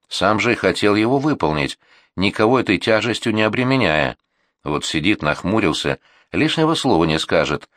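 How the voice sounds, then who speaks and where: A man narrating a historical novel as an audiobook with expressive, varied intonation. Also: on the low side, dry recording, clean studio sound. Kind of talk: scripted narration.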